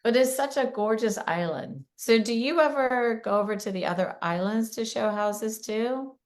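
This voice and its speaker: A woman from Maryland hosting a casual podcast interview, chatty and animated as she tells stories. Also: a little high, moderate pace. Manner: chatty, animated storyteller who breaks into laughter. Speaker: podcast host, realtor.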